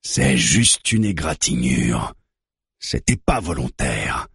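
A man voicing a calm, steady male police negotiator who reasons deliberately. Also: very deep voice, husky, no echo, studio quality, heavily acted.

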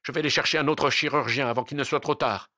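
A man's voice: medium pitch, animated, fairly quick, bright, forceful tone, slightly rough, no room sound. A man reading aloud and voicing an agitated, frantic husband who pleads and insists. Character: agitated frantic Turkish husband, middle-aged.

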